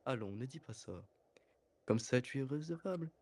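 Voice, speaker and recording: A man's voice: mid-range voice, normal speed, darkish tone, slightly rough, no room sound, lightly acted. A man voicing an anime dub of a composed, menacing villain, speaking formally and theatrically. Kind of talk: French anime dub parody, scripted villain monologue.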